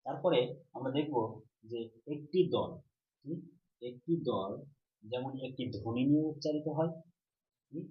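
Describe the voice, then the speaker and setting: A man's voice: mid-range voice, animated, unhurried, pauses often. Male teacher, repetitive question-and-answer delivery, echoey, slightly muffled recording. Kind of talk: online grammar lesson. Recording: roomy, slightly dull recording.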